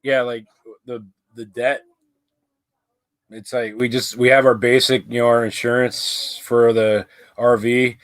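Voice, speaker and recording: A man's voice: mid-range voice, level tone, unhurried, pauses often, dry recording. A young adult man hosting a casual livestream from his RV, rambling, with many fillers and restarts. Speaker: livestream host. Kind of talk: casual live chat. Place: inside an RV.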